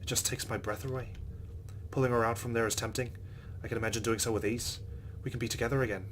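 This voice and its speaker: A man hosts a let's play, reading visual novel narration aloud and adding his own reactions over game ambience. His mid-range voice is steady in tone and fast, with a little hiss or hum in the audio.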